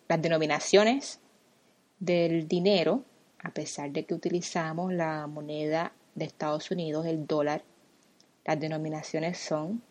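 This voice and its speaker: A woman from Puerto Rico with a Puerto Rican accent, explaining everyday words with examples in a casual, friendly talk. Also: low-pitched. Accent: Puerto Rican Spanish. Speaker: language blogger guest.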